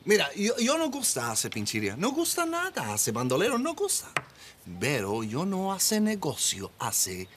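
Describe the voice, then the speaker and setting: Un actor que interpreta a un padre inmigrante orgulloso y devoto, que habla un español roto con acento árabe, en una telenovela. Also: male voice, high voice, normal speed, a little hiss or hum, heavily acted. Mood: pleading. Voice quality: broken ungrammatical Spanish, lively emphatic delivery. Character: proud immigrant father, broken Spanish, stubborn and devout. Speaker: immigrant father and shopkeeper. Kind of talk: telenovela acting.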